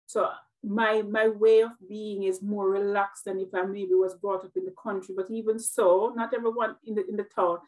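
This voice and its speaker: A middle-aged Jamaican nurse with a Jamaican accent speaks earnestly and reflectively as an interview guest, often repeating words while she thinks. Her mid-range voice is slightly mellow, with little pitch movement, a moderate pace and hardly any pauses, on a low-quality recording.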